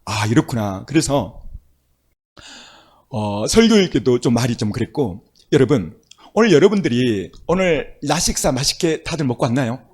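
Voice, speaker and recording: A man's voice: medium pitch, sing-song, moderate pace, a little mellow, husky. A male pastor preaching a sermon, telling stories with emphatic, rising exclamations.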